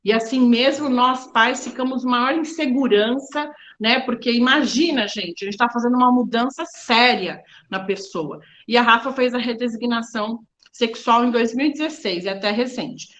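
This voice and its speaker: High-voiced woman giving a frank lecture. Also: moderate pace, a bit bright, highs cut off. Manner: frank, didactic, speaks directly to the audience. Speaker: diversity policy official giving a talk. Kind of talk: public lecture.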